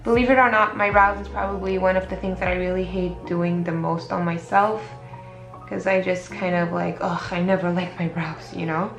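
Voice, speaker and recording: Woman chatting thru a makeup tutorial, laid back, roomy echo w soft music under it. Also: lowish voice, normal speed, vocal fry. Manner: chatty, relaxed, explains each step as she goes. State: slightly losing her voice. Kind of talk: casual beauty tutorial talk.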